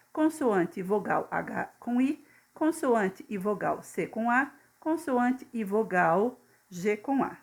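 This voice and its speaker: A woman teacher, patiently going through a lesson step by step and often checking in with her students. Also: mid-range voice. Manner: patient, step-by-step explaining with frequent checks like "tá bom?". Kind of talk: classroom lesson, correcting exercises.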